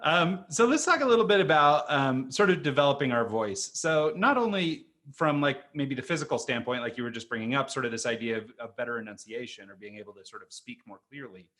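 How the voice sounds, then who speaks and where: A man's voice: medium pitch, lively intonation, brisk, hardly any pauses, fairly bright tone. A man with an American accent hosting a podcast interview. He muses aloud with frequent fillers and qualifiers. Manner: thoughtful, hedging, many fillers. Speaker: podcast host. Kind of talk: conversational interview.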